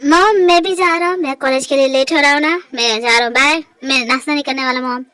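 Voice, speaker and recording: A high voice doing a curt college boy. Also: quick pace, bright, forceful tone, no room sound. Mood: brushing off. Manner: curt, dismissive. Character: brash college-age son, young man. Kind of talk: amateur fan dub drama.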